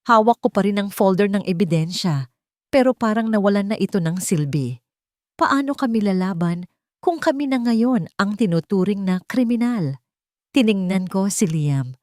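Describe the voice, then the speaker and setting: A woman with a Filipino accent narrates a scripted romance story in a dramatic storytelling style. Her medium-pitched voice is expressive and slightly mellow, moving at a normal pace. The studio recording is clean, with no room sound.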